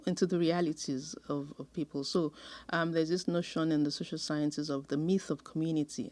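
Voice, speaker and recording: A woman sociologist answering interview questions in a measured, thoughtful way, pausing often with ums. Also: low voice. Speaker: sociologist guest.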